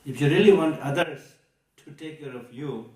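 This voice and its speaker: A man with a Tibetan accent gives a Buddhist teaching to listeners in a deliberate, emphatic way, repeating key phrases and posing rhetorical questions. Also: a little high, a little mellow. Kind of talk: Buddhist teaching to a live audience. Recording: echoey room, recorded from a distance.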